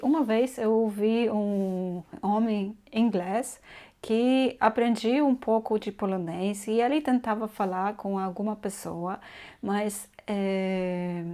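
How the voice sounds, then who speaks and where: Woman co-host, slow and hesitant, middle pitch. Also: steady tone, warm tone. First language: Polish. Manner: hesitant, searching for words. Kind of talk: casual storytelling.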